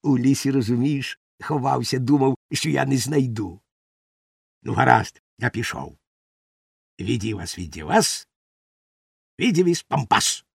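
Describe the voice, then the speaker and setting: A gloating storybook sorcerer, as a man puts him on, drawling low and slow with a mocking edge. The voice is husky and dry, like it was recorded up close. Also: lively intonation, no room sound, full character voice. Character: menacing male sorcerer, gloating and sly.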